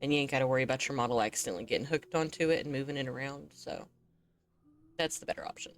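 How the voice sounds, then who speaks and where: A woman's voice: extremely low pitch, rapid-fire, a little hiss or hum. A woman streaming a game, sleepy and yawning as she chats casually with viewers, laughing often. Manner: relaxed, chatty, laughs often. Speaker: VTuber streamer.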